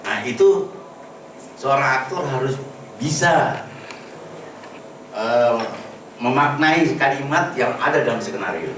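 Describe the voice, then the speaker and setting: Guy running an acting workshop, demoing how a word changes with tone, sounds far off in a boomy room. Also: animated, slow, pauses often, a bit bright. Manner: instructive, demonstrates words with varied intonation. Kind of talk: lecture to a workshop. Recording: echoey room recorded from a distance with background noise.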